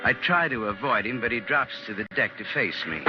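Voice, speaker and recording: A muffled vintage radio recording, very noisy and backed by loud music, captures a man's medium-pitched, slightly fast voice, lightly acted. He narrates in first person as a fearful fugitive hiding among sailors, his confession hesitant, troubled, and haunted.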